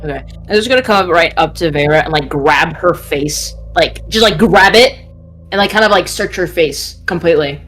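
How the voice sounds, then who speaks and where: A woman's voice: fairly low pitch, normal speed. A woman playing a tabletop game, chatting casually and hesitantly as she improvises her character's actions. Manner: animated, hesitant phrasing with repeated "like". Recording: faint music behind the voice.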